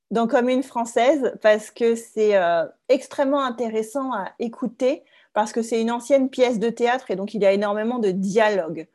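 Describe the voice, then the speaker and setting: A woman in her thirties teaches an online French class in a slightly raised voice. She speaks patiently and clearly, often pausing to check that her students follow. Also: on the high side, a little mellow. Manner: clear, slow, checks with "d'accord?". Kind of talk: online language lesson.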